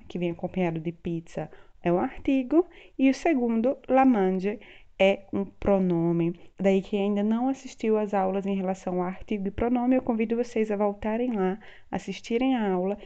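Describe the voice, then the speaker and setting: Mellow-voiced woman teaching a language lesson. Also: mid-range voice, dull audio. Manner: explains slowly, spells out example words. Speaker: Italian teacher.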